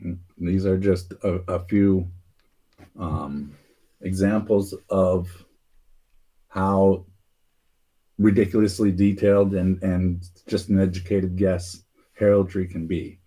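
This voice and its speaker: A man's voice: low voice, flat delivery, takes it slowly, long pauses, dark tone. A man hosting a casual talk show, rambling through a theory with many fillers and restarts. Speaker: podcast host.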